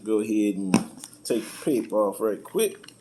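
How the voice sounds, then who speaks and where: An American vlogger unboxes and reviews car audio gear hands-on, talking in a casual, folksy, colloquial way. His voice is lowish with lively intonation at a moderate pace, on a clearly noisy home-video recording.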